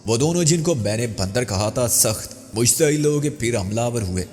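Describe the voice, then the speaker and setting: A man's voice: mid-range voice, expressive, a little mellow. Man narrating a crime thriller. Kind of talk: dramatic audiobook narration. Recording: long hall reverb with faint music.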